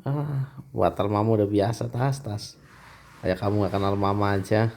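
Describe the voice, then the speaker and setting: A man's voice: lowish voice, fairly even intonation, normal speed, a little mellow, slight background noise. A middle-aged man, a father filming his family at home on a phone and teasing them in casual chat. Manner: teasing, chatty, keeps addressing his daughter.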